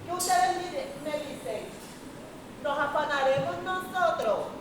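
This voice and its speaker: A woman teaching a Bible class, speaking earnestly to her students and quoting verses slowly. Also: high-pitched, lively intonation. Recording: echoey room from far off, noisy.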